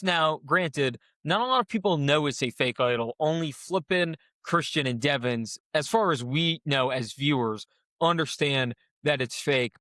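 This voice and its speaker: A man's voice: fairly high pitch, a bit bright, dry recording, clean studio sound. Conversational man recapping a reality show. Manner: analytical, measured, conversational. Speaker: podcast co-host. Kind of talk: casual show recap discussion.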